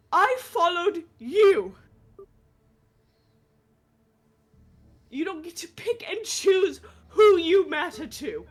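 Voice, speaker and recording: A woman voicing a furious young woman rebel who hurls accusations in a husky, rising voice. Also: fairly high pitch, full character voice. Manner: shouting, accusing, rising to a yell.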